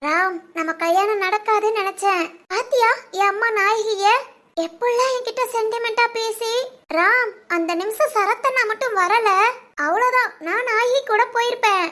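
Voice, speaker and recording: A sweet, anxious young bride speaks in a very high, bright voice. She talks earnestly and pleads gently. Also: moderate pace.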